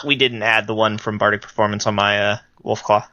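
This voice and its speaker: A man's voice: fairly low pitch, level tone, a little fast, bright, forceful tone, no echo, highs cut off. A man playing in a tabletop game, chatting in a playful, eager way. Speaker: player. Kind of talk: casual tabletop game chat.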